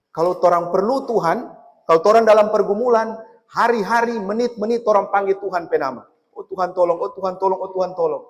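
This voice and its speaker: A male pastor preaching a lively sermon with a Manado Malay accent, often putting questions to his listeners. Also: on the high side. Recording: long hall reverb.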